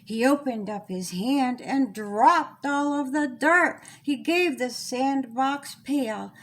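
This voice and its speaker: A high-voiced woman reads aloud a rhyming children's story she wrote herself, using a deliberate, singsong storytelling style.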